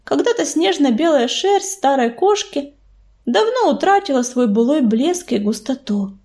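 A woman reads a children's fantasy audiobook as scripted storybook narration. Her voice is high and very animated, rising and falling widely. Her delivery is dramatic and engaging. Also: a little slow. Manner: expressive, dramatic.

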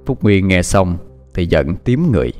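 A man reads a martial fantasy tale aloud with dramatic expression. His voice sits low but moves lively in pitch, and faint music plays beneath the narration. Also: normal speed. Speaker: audiobook narrator. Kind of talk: scripted story narration. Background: faint background music.

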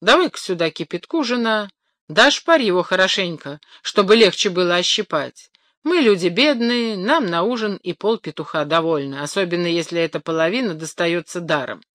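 Woman doing a gruff old church watchman. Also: on the low side, animated, moderate pace, a bit bright, no echo, studio quality. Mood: brisk. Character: poor grumbling old male church watchman.

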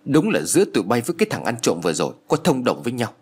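A man's voice: mid-range voice, huge pitch swings, rapid-fire, breathy edge. A man playing a greedy, cunning older woman who screeches accusations in a storybook reading. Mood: scheming, accusing. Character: greedy shrewish older woman, shrill, furious.

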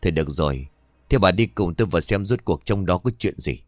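A man voicing a stern, gruff older village man giving orders. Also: deep voice, lively intonation, quick pace, no room sound. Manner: gruff, commanding.

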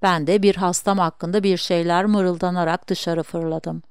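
A woman narrating a mystery novel as an audiobook, with steady storytelling delivery. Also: on the low side, a little slow, clean tone, no room sound, clean studio sound. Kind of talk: audiobook reading.

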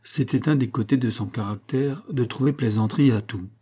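A man reading a classic novel aloud in a measured, even narration. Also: medium pitch, breathy edge. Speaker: audiobook narrator. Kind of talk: literary audiobook narration.

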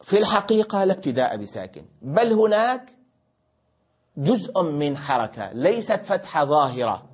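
In a grammar lesson, a man with a high-side, very animated voice and a breathy edge speaks at a moderate pace. He questions students, corrects their mistakes, and restates points in different ways to make them clear. The classroom audio is dull and lo-fi.

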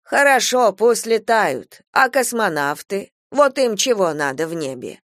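A woman's voice: mid-range voice, big pitch swings, measured pace, fairly bright tone, no room sound, clean studio sound, pitched above the performer's own voice. A woman reading a storybook voices a stern, superstitious old grandmother who grumbles and scolds. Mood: grumbling. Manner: scolding, insistent.

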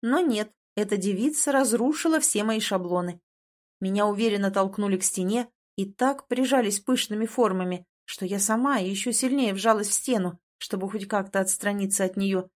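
A woman narrates a first-person audiobook with a lively, wry delivery. Her pitch is middling and her reading stays brisk and expressive.

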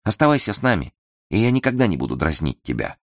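A man voicing a gentle little girl who speaks tenderly in a storybook tale. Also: sits low, very animated, fast talker, creaky, dry recording, studio quality, voice pushed up, exaggerated voice.

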